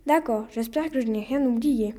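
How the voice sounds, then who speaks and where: A cheerful young girl in a read-aloud storybook, eager and quick to answer, as a woman reads her part. Her voice sits high and sounds mellow. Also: close to an everyday voice.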